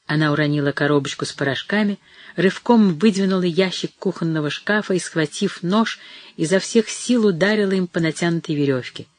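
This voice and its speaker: An audiobook narrator giving steady, measured scripted reading of a novel. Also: mid-range voice, dry recording.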